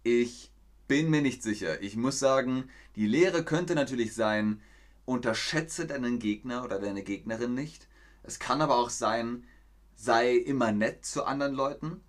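A man's voice: medium pitch, measured pace. A man teaching German on a live stream, reading a fairy tale aloud, explaining words and greeting viewers from the chat. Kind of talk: slow storytelling lesson with chat replies.

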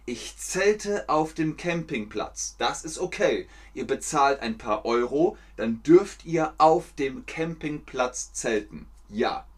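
A man's voice: mid-range voice, animated, slow pace, few pauses. A man teaching German in a livestream lesson, speaking in simple, repetitive sentences for learners.

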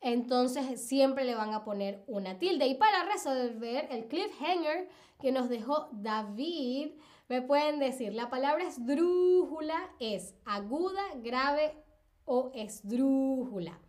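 A woman's voice: high voice, lively intonation, takes it slowly, a little mellow. A woman teaching a live-streamed spelling lesson, patient, repeating examples and checking in with the viewers.

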